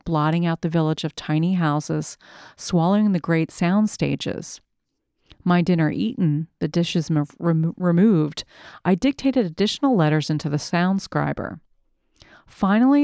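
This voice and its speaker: A woman reading a first-person memoir aloud in a measured, reflective storytelling manner. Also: sits low, mellow, no echo, studio quality. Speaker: narrator.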